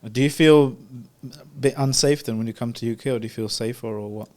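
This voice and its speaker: A man's voice: mid-range voice, brisk, darkish tone. A man hosting a podcast, asking curious questions in a casual, hesitant way with many fillers. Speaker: podcast host.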